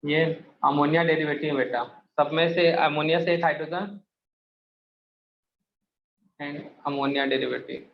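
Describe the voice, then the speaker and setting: A man's voice: fairly high pitch, fairly even intonation, slow pace, long pauses. A man teaching a chemistry class, firing questions at students and addressing them as beta. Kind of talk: classroom lecture. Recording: echoey room, muffled, faint hiss.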